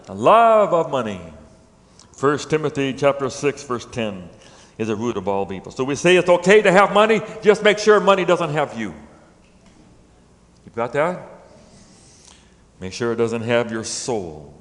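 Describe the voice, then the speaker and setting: A middle-aged man preaching a sermon in a church, swinging between loud emphatic peaks and hushed low lines. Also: sing-song, measured pace, long pauses, big-room sound. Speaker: pastor. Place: church sanctuary.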